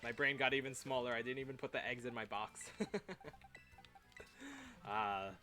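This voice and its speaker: Playful young male streamer, bright voice. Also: medium pitch, fairly even intonation, normal speed, soft background music. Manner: playful, chatty, reads chat aloud, frequent laughs. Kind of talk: casual livestream chat.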